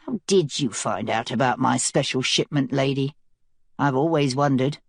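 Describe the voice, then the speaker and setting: A woman's voice: extremely low pitch, normal speed, gravelly, breathy edge, no echo, studio quality, exaggerated voice. A woman voicing a cynical, scheming male prisoner who speaks in a mocking drawl.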